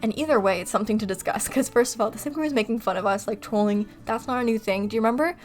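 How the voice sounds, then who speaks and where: Casual voice-over creator: a woman from California, rambly and self-mocking, pitched a little high, faint music underneath. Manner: rambling, chatty, quick to laugh at herself. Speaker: video creator. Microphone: desktop mic on computer recording software.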